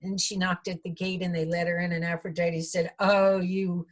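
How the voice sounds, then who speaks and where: A woman storyteller telling an ancient myth aloud, pausing for reflective asides to her listeners. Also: lowish voice, level tone.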